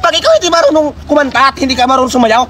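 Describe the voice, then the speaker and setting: A man putting on the voice of a bossy middle-aged woman who hands out gifts to children and scolds them loudly. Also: sing-song, very fast, some chatter behind, heavily acted. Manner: scolding, shrill, theatrical.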